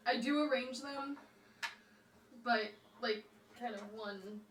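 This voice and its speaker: A woman playing a tabletop game, describing her character's actions casually and haltingly. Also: a little high, recorded from a distance. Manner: halting, informal. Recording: echoey room.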